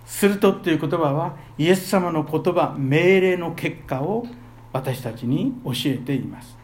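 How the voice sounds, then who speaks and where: A man preaching a sermon as pastor, earnest, with his voice swelling loudly on key phrases. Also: a little high, lively intonation, measured pace.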